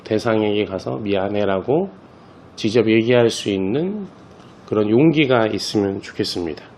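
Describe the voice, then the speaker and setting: Priest telling children a story. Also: male voice, lowish voice, moderate pace, slight background noise. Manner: relaxed storytelling, talks directly to the children. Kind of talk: catechism class for children.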